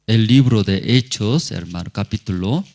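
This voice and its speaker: A man's voice: lowish voice, normal speed, gravelly, a little mellow. A male pastor preaching a sermon at a church service, speaking in short, simple phrases and often turning to the congregation with questions.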